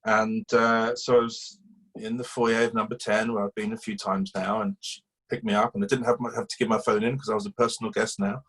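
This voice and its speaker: Husky man telling a story. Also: fairly low pitch, level tone, brisk, a bit bright, rough recording. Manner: chatty, rambling with fillers and restarts. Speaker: guest, animal welfare campaigner. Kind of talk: casual interview storytelling.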